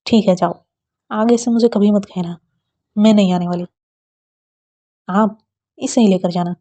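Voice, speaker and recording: A woman's voice: medium pitch, steady tone, measured pace, dark tone, lightly acted. A woman voicing a pouty young college woman who pleads and sulks in a storybook reading. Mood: pleading sulky. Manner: pleading, sulky.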